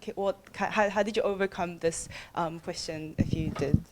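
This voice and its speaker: A woman's voice: on the low side, fairly even intonation, normal speed, heavy background noise. A young woman, born in Korea and raised in New Zealand, asks a panel a long, hesitant question full of ums and restarts. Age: young adult. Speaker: student audience member asking a question.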